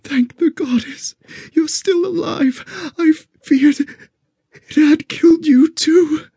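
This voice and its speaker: A man voicing a dying young woman who speaks in a weak, breathy voice. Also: very high voice, extremely slow, mellow, no echo, studio quality, pitched above the performer's own voice, heavily acted. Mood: weak tender.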